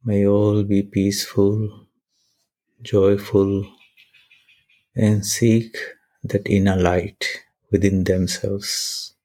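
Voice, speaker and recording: A man leads a guided meditation and prayer, speaking in measured, deliberate short phrases with pauses between them. His voice is on the low side, with a flat delivery and dark tone.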